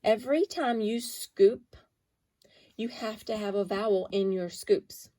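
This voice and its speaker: A woman's voice: medium pitch, mellow, no echo. Patient woman teaching phonics. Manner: patient, sounding out letters slowly. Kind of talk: phonics lesson for children.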